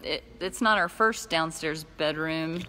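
The middle-aged woman's voice here is low-pitched, pushed and bright, and she moves a little slowly. She chats and laughs easily while walking viewers through her outdoor building lot and the tiny homes she constructs, in a casual tour.

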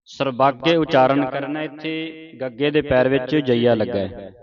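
A male recitation teacher with a Punjabi accent walks a student through each word with patient, unhurried repetition. He talks very slowly, at a middling pitch. The sound is dull and lo-fi, and a room full of people is clearly heard behind him. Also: crowd noise. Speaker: gurbani pronunciation teacher. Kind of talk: slow line-by-line recitation lesson.

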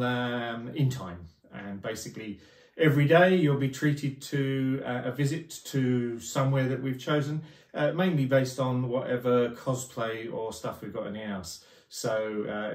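A man's voice: medium pitch, moderate pace. A man hosting a casual home video, joking and rambling with many fillers in his living room. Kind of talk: casual chat to camera. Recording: roomy echo, mic at a distance.

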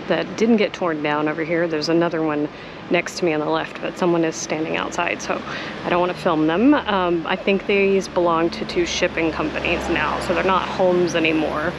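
A woman's voice: fairly low pitch, steady tone, normal speed. A woman in her thirties chatting casually on a walking tour, filming herself at arm's length outdoors, with many ums and likes. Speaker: travel vlogger. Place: city streets outdoors, then a restaurant terrace. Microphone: action camera held at arm's length. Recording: loud street and traffic noise. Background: traffic and city ambience.

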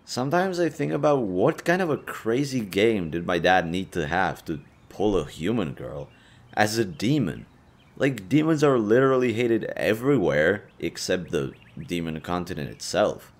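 A man voices a laid-back young half-demon adventurer in an audio roleplay, casually talking to his best friend. His voice sits on the low side, animated and at a moderate pace. He sounds relaxed, chatty and playfully teasing throughout this intimate acting piece.

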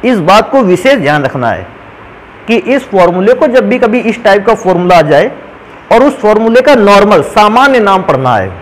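A man's voice: high voice, sing-song, normal speed, a little hiss or hum, low-quality recording. A man teaching a chemistry lesson step by step, calling his students "beta" as he works through examples. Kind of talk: whiteboard lesson.

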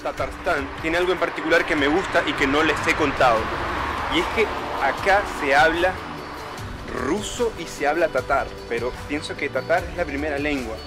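A man's voice: fairly high pitch, moderate pace, over music. A man vlogging as he walks through empty city streets at dawn, spelling out signs letter by letter in a casual way and repeating himself often. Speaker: travel vlogger. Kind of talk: walking vlog, reading street signs.

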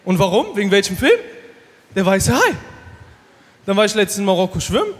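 Energetic male stand-up host, high voice, live in a reverberant hall. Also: fairly quick. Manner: punchy, energetic, addresses the crowd. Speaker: stand-up comedian and show host. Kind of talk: stand-up comedy. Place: large comedy stage before a live audience. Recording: hall reverb, faint crowd.

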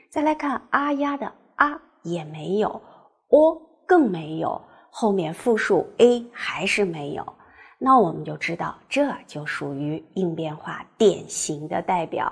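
Woman, language teacher, husky voice, patient drilling. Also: medium pitch, darkish tone. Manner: clear, patient explaining with drills. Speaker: Russian teacher. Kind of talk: online grammar lesson.

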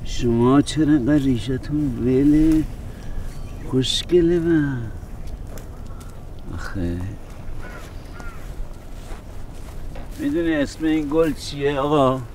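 A man's voice: fairly high pitch, pauses often, a little mellow, close to an everyday voice. An actor playing a flustered, irritable man lost in a strange house, pleading on the phone. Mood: musing. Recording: film audio with faint rain noise. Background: rain and thunder.

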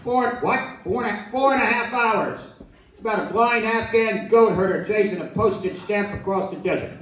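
A middle-aged American man delivers a stand-up set in a dry, sardonic, foul-mouthed manner. His voice sits slightly high, and it is picked up from some distance. The venue around him rings with heavy echo. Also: moderate pace, noisy background. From United States. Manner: deadpan, sardonic, profane rants. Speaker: stand-up comedian. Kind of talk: stand-up comedy routine. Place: live comedy venue with audience laughter. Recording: echoey distant venue recording.

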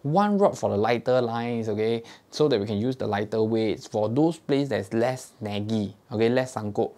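In a small indoor studio, a thirtysomething host with a Singaporean English accent explains fishing tackle step by step to camera, handling the gear as he speaks and checking in with "okay?". His fairly low, mellow voice is expressive at a moderate pace, and he wears a lapel mic.

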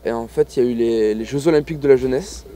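A young man speaks casually and reflectively, his sentences often trailing away. His voice is dark and mellow, recorded outdoors. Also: mid-range voice, fast talker, slight background noise. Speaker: rugby sevens player. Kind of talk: casual interview.

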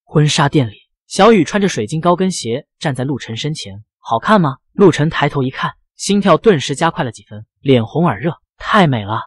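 A male narrator retells a comic romance in brisk, scripted storytelling. His delivery is rapid and bouncy, with a breathy huskiness. The recording is close and dry. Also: fairly high pitch, animated, dry recording.

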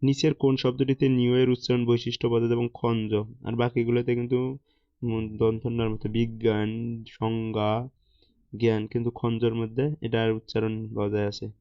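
Bangladeshi Bengali male teacher, monotone Q-and-A exam prep, dry lo-fi recording. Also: medium pitch, normal speed, no room sound. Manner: reads questions then answers them, explaining examples. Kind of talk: exam-prep lesson reading questions and answers. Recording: dull, dry lo-fi sound.

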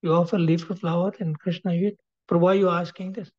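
A man's voice: high voice, little pitch movement, a little fast, pitched above the performer's own voice. A man voicing an older male spiritual teacher who teases with questions. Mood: teasing. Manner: questioning, teasing back. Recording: dull lo-fi recording.

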